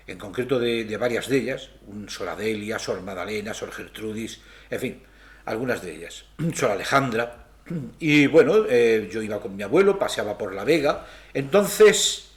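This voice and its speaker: An older man from Spain sits as a guest in a casual interview and reminisces at a slow pace, pausing often on fillers and restarting his sentences. His voice sits in an ordinary middle pitch and trails softly at the ends of his phrases. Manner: rambling, hesitant storytelling.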